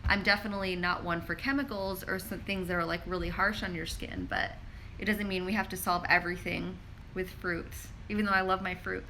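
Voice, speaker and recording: Here a woman pharmacist, voice lowish, brisk and sharp, handles viewer questions on a casual live stream. She reads them aloud and talks chattily, dropping "like" frequently, while holding the recording phone in her hand. The recording is low-quality with slight background noise.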